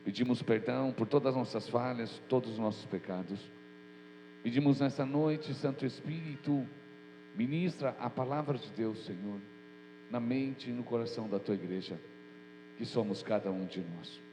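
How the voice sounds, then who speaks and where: A warm, mid-range voice belongs to a pastor preaching and praying at a moderate pace, earnestly and informally, with a nasal stuffiness caused by a cold. The recording, made in a church hall, has echo and mains hum.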